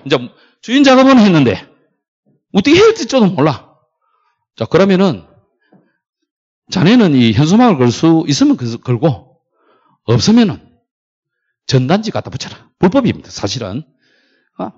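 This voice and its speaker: A man's voice: on the high side, moderate pace, long pauses, breathy edge. A middle-aged man lecturing on factory brokerage, telling stories and acting out quoted lines. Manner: animated storytelling, acts out quoted dialogue. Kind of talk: classroom lecture with anecdotes. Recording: dull lo-fi lecture recording.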